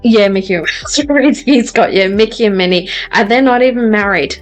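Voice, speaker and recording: A chatty woman hosts a live stream and talks casually with viewers, often laughing at herself as she goes. Her voice sits at an ordinary middle pitch. Faint music plays softly underneath. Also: moderate pace. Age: adult. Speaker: tarot reader and livestream host. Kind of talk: casual chat reading out viewer comments.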